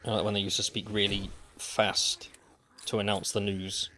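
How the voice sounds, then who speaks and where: Low-voiced male gamer, dry and wry. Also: level tone, normal speed, bright, forceful tone, a little hiss or hum. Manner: dry, wry asides to chat. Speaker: streamer. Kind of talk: casual gameplay commentary. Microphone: desk microphone.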